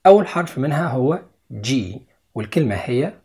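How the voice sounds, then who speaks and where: Young Egyptian man, patient video English teacher, breathy voice, mid pitch. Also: lively intonation, moderate pace, a little mellow. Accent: Egyptian Arabic. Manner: explains step by step, repeats each English word twice. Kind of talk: video lesson.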